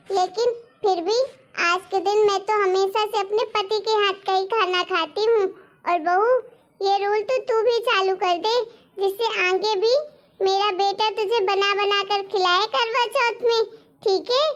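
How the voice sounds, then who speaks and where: A woman's voice: very high-pitched, steady tone, measured pace, highs cut off. Woman voicing a bossy, doting mother-in-law. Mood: insistent. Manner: playfully scolding, insistent. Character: teasing, affectionate older mother-in-law, bossy but caring. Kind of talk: cartoon story voice acting.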